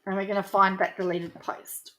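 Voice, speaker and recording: A woman's voice: medium pitch, flat delivery, normal speed, sharp tone. Australian woman giving casual commentary. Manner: conversational, thinks aloud with fillers. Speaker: commentary vlogger. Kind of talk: casual commentary reading out posts.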